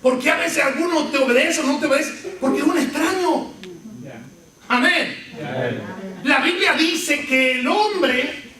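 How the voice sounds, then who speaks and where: High-voiced Venezuelan preacher, echoey church. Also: male voice, a little slow, long pauses, a crowd in the background. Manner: animated preaching with humorous anecdotes. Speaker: pastor. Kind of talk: sermon. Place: church sanctuary. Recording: echoey church hall from far off.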